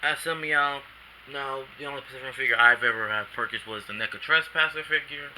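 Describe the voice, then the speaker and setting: Man, very bright voice, drowsy rambling toy review, camcorder, faint background hiss. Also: medium pitch, fast, low-quality recording. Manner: rambling, self-correcting, casual slang. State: drowsy after a nap. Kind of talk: casual figure review vlog.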